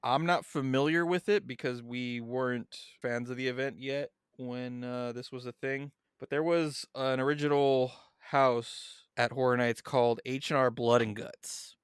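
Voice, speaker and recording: A man's voice: medium pitch, steady tone, measured pace, few pauses, clean tone, dry recording, clean studio sound. A man co-hosting a podcast in a casual chat, reading background notes aloud and then chatting loosely. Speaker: podcast co-host.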